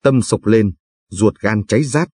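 Husky low-voiced male narrator. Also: unhurried, mellow, dry recording, clean studio sound. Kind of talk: audiobook narration.

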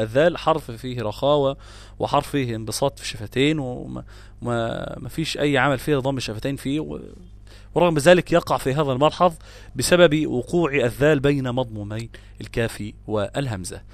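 A Quran recitation teacher of medium pitch, speaking with an Egyptian Arabic accent, explains tajweed grammar rules, stressing example words and answering his own questions. He alternates between classical Arabic and colloquial side comments, recorded with no echo.

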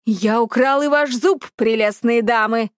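A woman voicing a bold young male hero who speaks slowly and mockingly. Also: fairly high pitch, no room sound, studio quality, lightly acted. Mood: cocky.

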